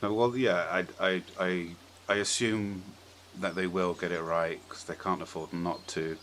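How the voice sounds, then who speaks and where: A man hosting a podcast chats informally, voicing strong opinions in a low, slightly bright voice; his tone is steady and his pace a little slow. The recording carries clearly audible background noise.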